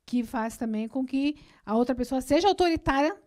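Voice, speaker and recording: A woman's voice: high-pitched, animated, a little fast, warm tone. A Brazilian woman hosting a TV talk show, chatting with her guest, agreeing and adding her own remarks. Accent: Brazilian Portuguese. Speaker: TV show host. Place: TV studio.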